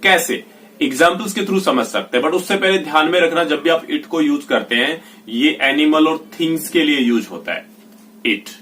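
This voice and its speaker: A male teacher giving a spoken grammar lesson, slowly reading out English example sentences one by one. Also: fairly high pitch, fairly bright tone, distant mic. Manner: explains slowly, reads English examples out deliberately. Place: indoors with rain heard outside. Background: rain.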